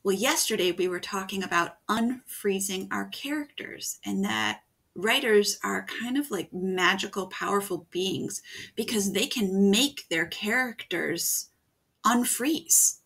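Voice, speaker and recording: A woman teacher giving a video writing lesson for children, explaining slowly and patiently step by step. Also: medium pitch, fairly bright tone, husky.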